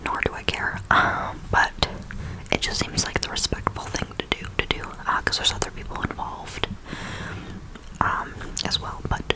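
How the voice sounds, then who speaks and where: A woman speaking in a soft, breathy ASMR whisper, telling a rambling personal story and slowly repeating words and phrases. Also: poor audio. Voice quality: whispery, mostly unvoiced, with creaky edges. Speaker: ASMR video host.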